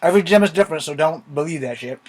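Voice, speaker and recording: A man with a voice a little higher than average speaks in loose, rambling vlog style. He is blunt and informal, dropping swear words freely. He comes across as a martial arts vlogger talking straight to his viewers. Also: animated, very fast, a little mellow, a little hiss or hum. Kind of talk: casual rambling vlog talk. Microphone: filming from a laptop.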